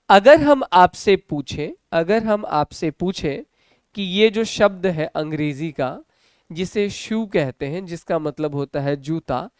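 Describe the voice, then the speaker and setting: Indian male English tutor, clear close voice, dry sound, slow drilling of words. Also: high voice, no room sound. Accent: Hindi-speaking North Indian. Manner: drills words slowly, asks and answers own questions. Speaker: English teacher. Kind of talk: online class lecture.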